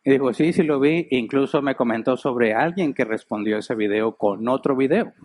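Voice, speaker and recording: A man's voice: mid-range voice, normal speed, darkish tone. Mexican man preaching in a chatty way. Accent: Mexican Spanish. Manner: storytelling, conversational, laughs while telling anecdotes. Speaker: pastor. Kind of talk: sermon. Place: church.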